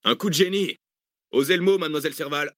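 A man's voice: on the high side, fast, a bit bright, no room sound, studio quality, pitched above the performer's own voice, lightly acted. A man voicing a terse, cool fugitive. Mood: curt. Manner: curt, clipped, laconic. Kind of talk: audiobook character voice.

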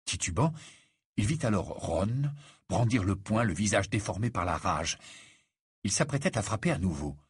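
A man reading a novel aloud as audiobook narrator, measured and expressive. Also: on the low side, breathy edge, dry recording, studio quality. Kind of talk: scripted narration.

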